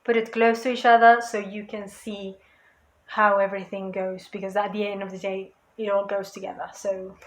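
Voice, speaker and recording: A woman's voice: mid-range voice, level tone, moderate pace, reverberant. A woman vlogger chatting casually and rambling about her craft projects. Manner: rambling, chatty, with lots of "you know" and "basically". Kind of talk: casual chat.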